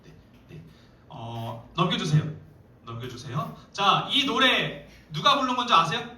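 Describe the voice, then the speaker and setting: A young youth pastor with a high, sing-song, sharp voice delivers a playful, joke-filled sermon directly to teenagers at a measured pace. The recording comes from an echoey hall with the microphone placed far away.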